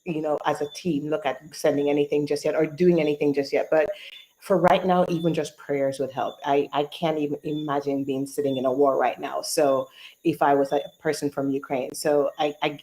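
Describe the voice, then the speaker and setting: Chatty woman hosting an online group call, lowish voice. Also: fairly even intonation, moderate pace, mellow, rough recording. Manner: chatty, informal, addresses listeners as "you guys". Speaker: host of an online group chat session. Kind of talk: casual live-stream hosting, like a conference call host greeting people as they join.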